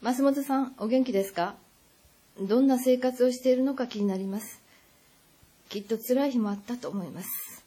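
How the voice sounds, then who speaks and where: A woman's voice: fairly high pitch, normal speed, pauses often, warm tone, slightly rough. A woman reading a heartfelt recorded message to an old friend, earnest and pleading. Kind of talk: read personal message.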